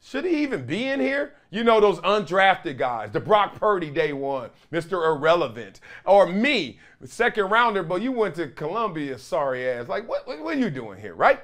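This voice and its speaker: A man's voice: high-pitched, very animated, moderate pace, few pauses, a bit bright. A middle-aged man hosting sports commentary, telling stories and acting out quotes with big gestures in a small studio. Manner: storytelling, acts out quotes, gestures broadly.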